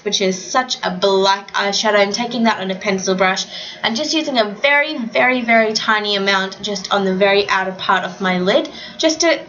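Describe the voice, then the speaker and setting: A young woman talks through her makeup steps in a casual voiceover. Her pitch sits mid-range and she stumbles over words now and then. The home recording sounds a bit dull. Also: a bit bright. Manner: chatty, slightly tongue-tied. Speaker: beauty vlogger. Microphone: home voiceover mic.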